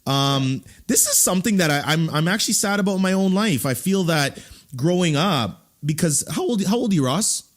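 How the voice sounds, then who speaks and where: A man in his thirties hosting a podcast, talking in animated bursts with frequent restarts. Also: high-pitched, fairly quick. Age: 30s. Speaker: podcast host. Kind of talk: casual interview chat.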